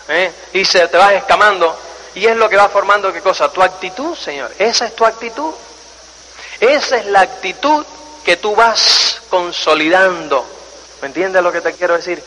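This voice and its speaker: Man, motivational speaker, high voice, acts out stories, faint background noise. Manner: animated storytelling, acts out scenes and voices; repeats phrases for emphasis, asks the audience questions. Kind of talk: motivational talk to an audience. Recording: long hall reverb, faint noise.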